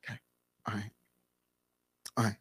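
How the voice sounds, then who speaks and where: A man's voice: unhurried, a bit bright, no room sound. A man preaching a sermon in church, repeating his lines in a rhythmic build and sometimes breaking into a sung chant. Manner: repetitive, rhythmic preaching with call-outs to the congregation.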